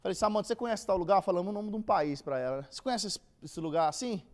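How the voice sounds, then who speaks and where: A man's voice: high voice, expressive, rapid-fire. A man with a Brazilian accent teaching a casual church Bible lesson, acting out quoted speech in everyday slang. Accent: Brazilian Portuguese. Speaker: theology teacher.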